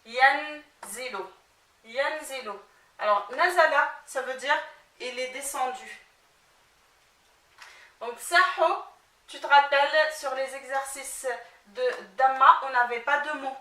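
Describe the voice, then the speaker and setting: A woman's voice: high-pitched, takes it slowly, long pauses, bright, forceful tone. A woman teaching Arabic reading to a child, patiently sounding out each letter and vowel mark one at a time. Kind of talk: slow spelling-out lesson for a child. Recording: echoey room, mic at a distance.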